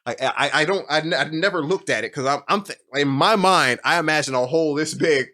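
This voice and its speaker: A man talks fast through a personal story, his voice bright and forward. He rambles, restarts his sentences and fills gaps with "you know" as the memory gets to him. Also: on the high side. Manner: rambling, emotional, many restarts and fillers. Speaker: podcast guest. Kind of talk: casual storytelling.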